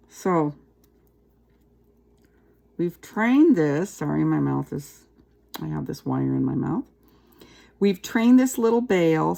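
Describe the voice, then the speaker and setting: Gravelly-voiced woman teaching a craft. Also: fairly low pitch. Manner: chatty, relaxed, talks while working with her hands. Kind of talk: casual craft tutorial.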